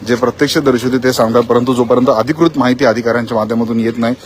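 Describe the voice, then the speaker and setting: A man reporting live from the scene of a factory fire, in a quick, repetitive on-the-spot news style. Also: medium pitch, steady tone. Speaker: field reporter.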